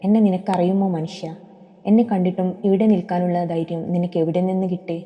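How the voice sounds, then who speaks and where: A woman's voice: fairly low pitch, steady tone, moderate pace, lo-fi sound, lightly acted. A woman voicing a fierce, ancient female forest spirit who roars and menaces, in a storybook reading. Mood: roaring fury. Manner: roaring, menacing. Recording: long hall reverb.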